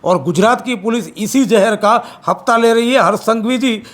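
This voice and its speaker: A man speaking as an activist in an interview, forceful and repeating his points with emphasis. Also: sits high, moderate pace. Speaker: campaign activist. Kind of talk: interview, political criticism.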